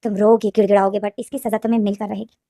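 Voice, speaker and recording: A woman's voice: medium pitch, little pitch movement, very fast, mellow, no echo, clean studio sound, natural voice. A woman voicing an angry, scheming young husband who mutters threats, in a storybook retelling. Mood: menacing.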